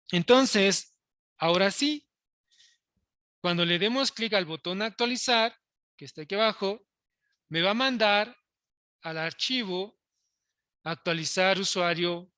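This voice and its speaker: A man's voice: sits high, slow pace, long pauses, pushed and bright, no room sound, studio quality. A man teaching a programming class, explaining code step by step and often checking in with his students. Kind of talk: live coding lesson to students.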